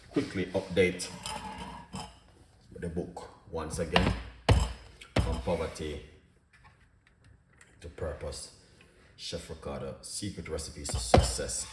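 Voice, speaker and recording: A man's voice: very deep voice, steady tone, unhurried, pauses often. A man hosting a casual cooking live stream, upbeat and chatty as he talks to his viewers. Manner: upbeat, chatty, greets viewers by name and place. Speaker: cooking show host. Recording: echoey room, mic at a distance, background noise.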